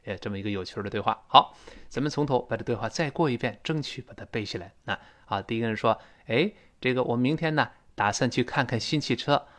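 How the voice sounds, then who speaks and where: A man at a middle pitch leads a casual spoken-English lesson. He talks in a lively, chatty way. He stretches out example phrases slowly so listeners can copy them. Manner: chatty and animated, breaks into laughs, models English phrases slowly. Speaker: English teacher.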